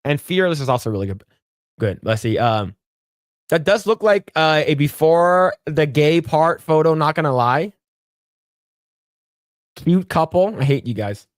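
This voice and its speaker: A man's voice: fairly high pitch, unhurried, long pauses, no room sound, clean studio sound. A man hosting a casual solo livestream, swearing freely as he riffs on movies and answers his chat. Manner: animated, profane, riffing on movies and answering chat. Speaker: livestream host.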